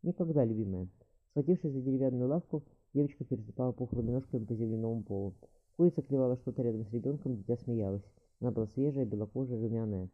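A man reading a historical novel aloud at a steady, brisk clip. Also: medium pitch. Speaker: audiobook narrator. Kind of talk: audiobook reading. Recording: thin phone-like audio.

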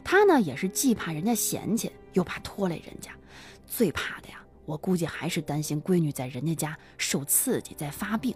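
Woman storyteller, dramatic and sigh-heavy, very lively pitch, soft music underneath. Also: brisk, few pauses. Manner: dramatic, full of sighing interjections. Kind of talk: animated storytelling chat.

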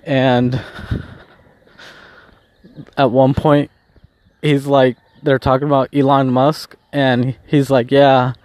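A man talking casually to himself on a walk, high on weed, with a laid-back, repetitive stoner drawl. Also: little pitch movement, slow, pauses often, darkish tone. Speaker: vlogger recording an audio diary. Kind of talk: rambling casual solo chat. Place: outdoors, walking along.

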